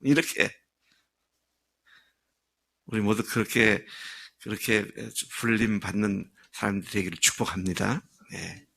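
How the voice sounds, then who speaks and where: A middle-aged man preaches with earnest emphasis, stretching key phrases and pausing on small fillers. His voice sits low and gravelly. It carries a husky grain and a sharp, bright edge. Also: fairly even intonation. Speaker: pastor. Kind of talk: sermon.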